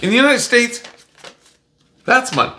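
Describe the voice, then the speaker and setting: A man's voice: extremely high pitch, animated, normal speed, bright, forceful tone. A man casually explaining economics with a playful, questioning manner, often laughing as he talks. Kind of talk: casual teaching chat.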